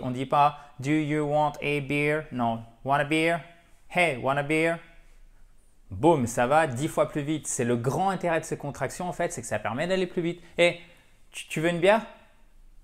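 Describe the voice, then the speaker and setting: Man teaching English slang. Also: medium pitch. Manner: explanatory, repeats example phrases, lively asides. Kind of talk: video lesson at a whiteboard.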